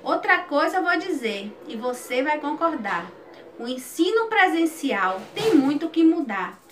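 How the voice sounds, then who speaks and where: Young woman teacher, high and slow, clear explanations, sing-song verse recitation. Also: very animated, a bit bright, a little hiss or hum. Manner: explains slowly, then recites rhymed verse with a lilting rise. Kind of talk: recorded video lesson with recited verse.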